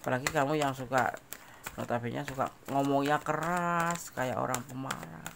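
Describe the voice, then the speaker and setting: A man's voice: medium pitch, steady tone, normal speed, creaky, background noise. A man giving a casual tarot general reading, talking straight to the listener and repeating phrases. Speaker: tarot reader.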